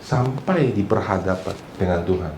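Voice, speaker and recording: A man's voice: low voice, lively intonation, normal speed, background noise. Man preaching in an echoey church hall. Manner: switches between Indonesian and English phrases, asks the congregation for responses; acts out quoted people, sometimes loud and shouting. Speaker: pastor. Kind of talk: sermon.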